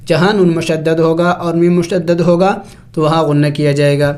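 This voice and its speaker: A Quran teacher giving a step-by-step tajweed lesson, spelling each syllable slowly and explaining the rules in quick asides. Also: medium pitch, flat delivery, a little mellow. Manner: chants the verses in long, drawn-out recitation.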